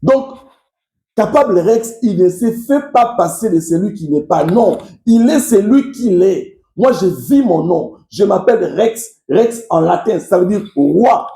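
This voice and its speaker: Here a high-voiced man with a dark tone talks in an animated but unhurried way, his words echoing around the room. He's a Tshiluba speaker from Kasai with a Congolese French accent, offering fiery political commentary to his followers, repeating himself for emphasis and speaking right to them.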